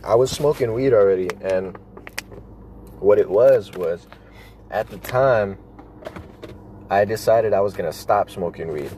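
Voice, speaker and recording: A man's voice: on the low side, measured pace, long pauses, dark tone, a little hiss or hum. A man rambling through stories in a casual, joking, sweary way, talking with chewing tobacco in his mouth.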